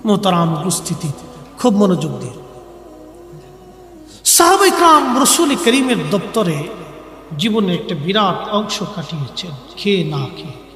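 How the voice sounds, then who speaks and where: A man's voice: sits high, very animated, normal speed, long pauses, bright, forceful tone. A man preaching an impassioned Islamic sermon, emotional and pleading, repeating phrases for emphasis. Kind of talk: impassioned waz sermon to a gathering. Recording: echoey hall with long reverb.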